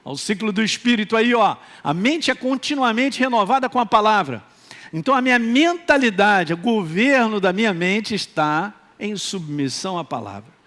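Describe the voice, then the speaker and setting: A male pastor with a Minas Gerais accent preaching a lively sermon and acting out quoted voices. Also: high voice, moderate pace. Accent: Minas Gerais Brazilian Portuguese. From Minas Gerais, Brazil. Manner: animated, acts out quoted voices, calls for responses.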